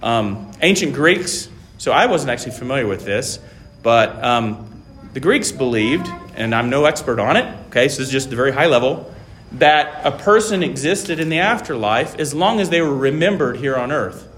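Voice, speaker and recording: Halting man lecturing a class. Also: mid-range voice, animated, a bit bright, soft background music. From Taiwan. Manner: halting, many fillers and restarts, checks in with "right?".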